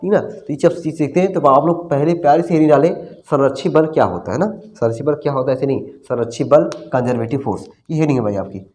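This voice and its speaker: A male physics teacher with a voice a little higher than most men's. He drills his class by asking a question and answering it himself, repeating each term several times, and he keeps it friendly by calling the students brother. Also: quick pace, darkish tone. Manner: asks questions and answers them himself, repeating key terms; casual, calls students brother. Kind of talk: classroom lecture.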